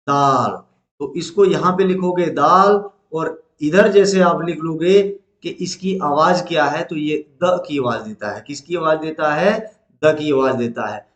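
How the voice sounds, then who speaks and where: A man's voice: high-pitched, roomy sound. A man teaching a class, patiently repeating each point and quizzing his students. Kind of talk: classroom lesson.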